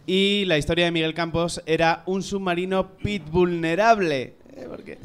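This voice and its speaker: A man's voice: high voice, steady tone, moderate pace, smooth. A man hosting a comedic news show, punning and laughing between segments. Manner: jokey, punning, laughs often. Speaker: host.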